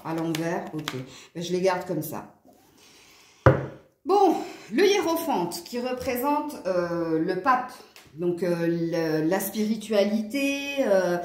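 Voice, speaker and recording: A woman's voice: mid-range voice, slow, darkish tone, roomy sound. A woman with a southern French accent giving a casual tarot reading to her viewers, chatty and rambling. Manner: chatty and rambling, with frequent fillers and asides. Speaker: tarot card reader.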